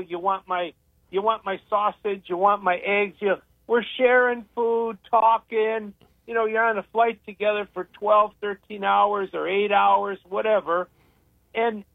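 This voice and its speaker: A man's voice: high voice, dry recording. An older man on a radio talk show, rambling and opinionated as he tells stories in casual talk. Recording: tinny phone-line radio sound, dry.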